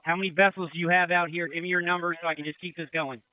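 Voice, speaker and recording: A man acting as incident commander, giving brisk, directive orders over a marine radio channel. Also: on the high side, little pitch movement, clean tone, no echo, phone-quality sound. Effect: marine radio transmission. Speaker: river branch incident commander. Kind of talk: emergency radio dispatch.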